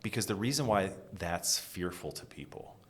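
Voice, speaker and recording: Deep-voiced American man telling stories. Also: moderate pace. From New England, US. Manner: animated storyteller, drops to whispers for emphasis. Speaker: guest, design executive. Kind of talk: conversational interview.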